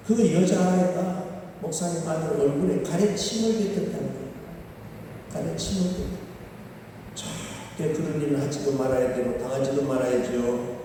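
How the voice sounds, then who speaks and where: A male pastor preaching a revival sermon in a high, dark and mellow voice. He tells the story with emphasis and keeps checking in with his listeners with short prompts. He sounds far from the mic, in a large, booming hall with long reverb. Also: slight background noise. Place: large prayer-retreat hall.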